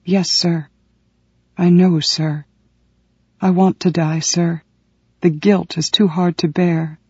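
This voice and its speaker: A man's voice: high-pitched, level tone, takes it slowly, breathy edge, no echo, full character voice. Reader voicing a guilt-racked widowed man, pinched, strained, audiobook, dull recording. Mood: pained, guilty. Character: pained grieving male widower, guilt-ridden. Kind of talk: audiobook reading.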